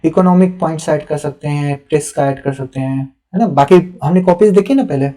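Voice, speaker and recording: With a fairly high but dark-toned voice and a brisk pace, a young adult male teacher evaluates answer sheets live. He reads the students' written answers aloud and guides them patiently.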